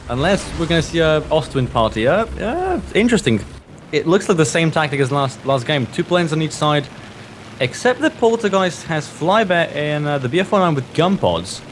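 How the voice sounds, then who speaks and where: A man co-commentates a live tournament. His voice sits a little high. He talks in a measured, analytical way and breaks down tactics. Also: big pitch swings, slight background noise. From Slovenia. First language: Slovenian.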